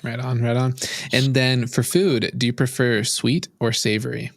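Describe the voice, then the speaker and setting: A man hosting a podcast, asking light questions in a relaxed, teasing way. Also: mid-range voice, normal speed, no echo, studio quality. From United States. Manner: easygoing, teasing. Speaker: podcast host. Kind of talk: casual interview chat.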